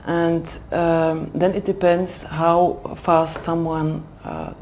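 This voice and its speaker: This Dutch-speaking executive development manager gives interview answers in her second language at a language school in Oxford. Her voice is deep and mellow with a level tone, and she halts carefully, pausing hesitantly while searching for words. Slight background noise can be heard.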